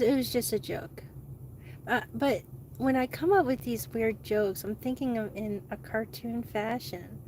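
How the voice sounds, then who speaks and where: A woman host rambling excitedly in a casual monologue, laughing often. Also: mid-range voice, slight background noise. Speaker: channel host.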